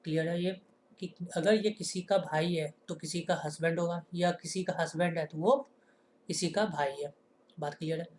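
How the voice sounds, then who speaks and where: A man teaching a lesson in a classroom style. He keeps asking rhetorical questions and answering them himself, and he slows down to stress each example sentence. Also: fairly high pitch, fairly even intonation, darkish tone, slight background noise.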